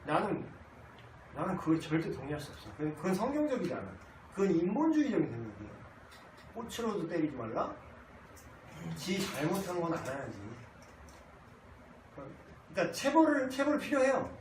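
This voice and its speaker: Man, 30s, blunt joking Bible teacher; high animated delivery, distant roomy mic. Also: moderate pace, long pauses, slight background noise. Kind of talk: casual Bible class lecture. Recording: echoey room, distant mic, faint ambience.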